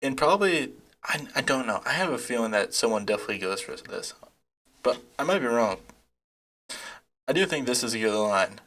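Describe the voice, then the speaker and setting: A man's voice: medium pitch, lively intonation, fairly quick, pauses often, fairly bright tone, a little hiss or hum. A man giving casual reaction commentary, rambling and mocking, laughing often. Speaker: YouTube commentator.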